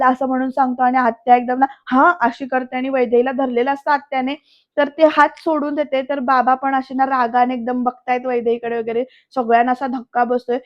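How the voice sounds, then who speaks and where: A woman's voice: sits high, lo-fi sound. A woman giving a voice-over recap of a TV serial episode, talking straight to viewers and acting out the characters' lines with raised emphasis. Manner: addresses viewers directly.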